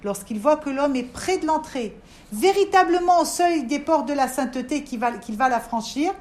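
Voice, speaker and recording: High-voiced woman teaching a lively class. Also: normal speed. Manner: animated, talks straight to listeners, acts out inner voices. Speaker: teacher of a women's religious class. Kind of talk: lively spoken religious lesson. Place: room with a group of women.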